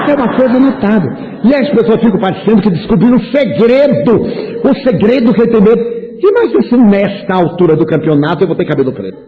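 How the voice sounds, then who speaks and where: A man in his seventies with a Brazilian Portuguese accent lectures an audience, turning points into playful stories and acted-out exchanges. His voice sits a bit high and swings widely in pitch. The sound is narrow and tinny, like a telephone line. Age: 70s. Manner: animated, humorous storyteller acting out dialogues. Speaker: spiritist lecturer.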